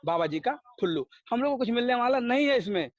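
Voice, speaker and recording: A man's voice: extremely high pitch, expressive, fairly quick, no room sound, muffled recording. A man giving a motivational talk at a network marketing meeting, telling stories and firing rhetorical questions at the audience. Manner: storytelling, rhetorical questions, acts out dialogues.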